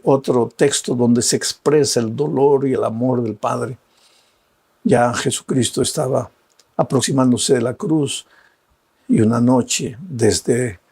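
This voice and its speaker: Male preacher, very husky, gravelly, dry close sound, emphatic sermon, rhetorical questions. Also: a little mellow, no echo. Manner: addresses the listener directly with rhetorical questions; emphatic, swings to high pitch on key words. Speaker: evangelist preacher.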